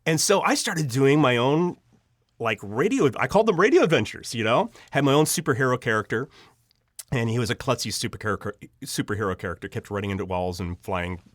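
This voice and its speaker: In a dry, studio-quality recording, a middle-aged American audio drama writer guests on a podcast, animatedly recounting personal stories during the interview and performing bits of dialogue he remembers. He speaks at medium pitch with a fairly bright tone.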